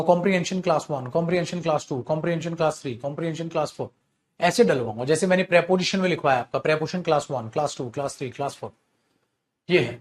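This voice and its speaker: A man teaching an online English grammar class, chatty and coaxing, mixing Hindi talk with English example sentences. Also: sits high. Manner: chatty, coaxing students with bhaiya and beta. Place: at home or in a studio, drinking tea while teaching.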